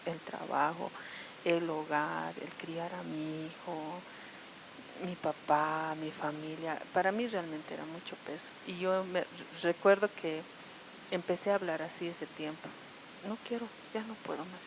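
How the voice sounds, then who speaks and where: A woman with a La Paz Bolivian accent shares her personal testimony, earnest and halting, often restarting and tagging her sentences with questions. Her voice sits fairly low. A faint hiss runs under it. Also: steady tone, vocal fry. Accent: Bolivian Spanish, La Paz. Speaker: church member giving testimony. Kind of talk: personal testimony at a prayer service.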